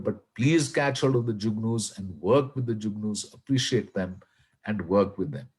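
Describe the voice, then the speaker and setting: A man with an Indian accent giving an earnest, inspirational talk in a web broadcast, speaking slowly and with emphasis. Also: mid-range voice, husky. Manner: earnest, slow and emphatic, mixing English with Hindi.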